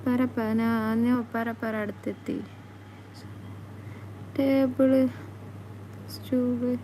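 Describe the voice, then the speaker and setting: A woman chatting casually on a live stream, reading out comments and teasing her viewers in a playful, quick back-and-forth. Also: fairly high pitch, steady tone, mellow, a little hiss or hum.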